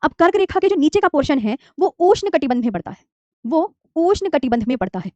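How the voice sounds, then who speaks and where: A woman in her thirties, with a high, mellow voice, teaches a geography lesson in an animated, brisk manner, coaxing her students to repeat key terms with her. She calls them "dear children" and mixes English terms into her Hindi. The dry recording has no echo and comes from a slightly dull lo-fi mic.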